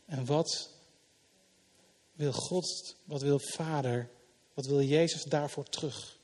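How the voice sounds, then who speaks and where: Husky-voiced pastor preaching in a reverberant hall. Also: male voice, a little high, steady tone, takes it slowly. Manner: conversational preaching, swinging between loud emphasis and soft asides. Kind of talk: sermon. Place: church hall.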